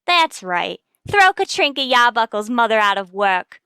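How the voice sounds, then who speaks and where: A woman's voice: a little high, sing-song, unhurried, pushed and bright, clear, resonant tone, dry recording, studio quality, heavily acted. A woman playing a nosy, argumentative, illogical young miss in an old-time radio sitcom. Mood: indignant, challenging. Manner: pert, challenging.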